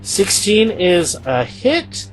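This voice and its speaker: A man's voice: high voice, very animated, extremely slow, faint music behind. A man running a tabletop game as game master, narrating playfully and laughing often.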